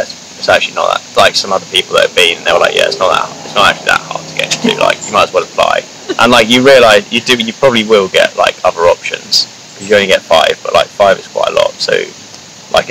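Low-voiced young man, laid-back rambling. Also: rough recording. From New Zealand. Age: young adult. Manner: relaxed, rambling, fills with "like" and "kinda". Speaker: guest, engineering student. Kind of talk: casual interview. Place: outdoors in a grassy field. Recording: steady outdoor noise behind.

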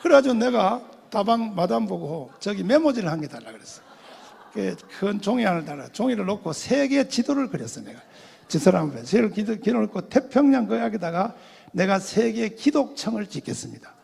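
An older man giving a testimony sermon as a pastor, telling his story in an animated way, acting out quoted voices and laughing often. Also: high voice, fairly quick, creaky, breathy edge. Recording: long hall reverb.

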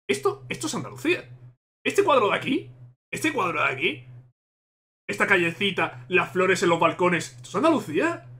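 A man with a Spain Spanish accent, reacting excitedly to a game trailer and thinking aloud as he repeats himself. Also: sits high.

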